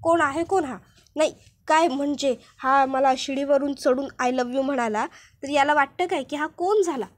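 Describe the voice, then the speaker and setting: Drunk stubborn young wife, a lady putting her on, high loud slurry ranting. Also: moderate pace, close to an everyday voice. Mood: tipsy ranting.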